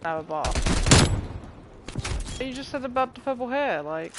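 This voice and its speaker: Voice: mid-range voice, expressive, normal speed, heavy background noise. A tired game streamer chatting casually while playing, mumbling and rambling with plenty of swearing. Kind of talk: casual live-stream chat while gaming. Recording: gunfire from the game behind the voice.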